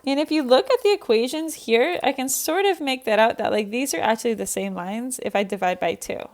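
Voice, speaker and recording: A woman's voice: on the high side, fairly quick. A young woman teaching an online math lesson, chatty and self-deprecating as she thinks aloud.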